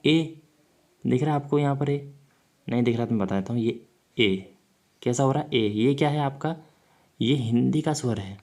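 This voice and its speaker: A man's voice: medium pitch, a little mellow. A man teaching an online grammar lesson, explaining step by step and often checking whether the viewer has understood. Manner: repeats rhetorical checks to the viewer.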